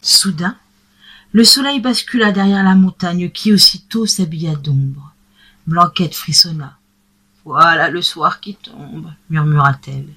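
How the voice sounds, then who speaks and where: A woman calmly narrating a classic tale in a measured storytelling manner. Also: on the low side.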